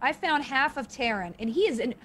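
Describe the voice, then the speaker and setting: High, animated woman on a noisy mic. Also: a little fast. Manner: animated, teasing. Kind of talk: casual game chat.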